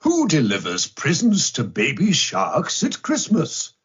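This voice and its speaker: An actor playing a jolly old Santa Claus, with a husky voice, hearty ho-ho-ho laughs and a slow, sing-song delivery, heard through a smart speaker. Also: male voice, fairly high pitch, wildly swooping pitch, full character voice. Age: older. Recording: muffled lo-fi playback from a smart speaker.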